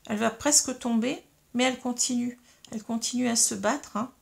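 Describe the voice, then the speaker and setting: A woman giving a tarot reading to her viewers, explaining each card slowly with many fillers and tags, with a slight frog in her throat. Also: on the high side, gravelly. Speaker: tarot reader.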